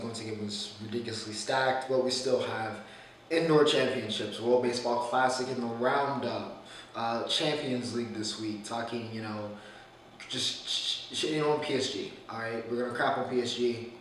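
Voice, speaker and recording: A man's voice: mid-range voice, normal speed, fairly bright tone. Male sports talk host with a groggy morning voice, loose and opinionated, recorded far off the mic in a very echoey room. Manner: loose, rambling and opinionated, with restarts. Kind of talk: casual solo sports talk. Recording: echoey room, distant mic, faint noise.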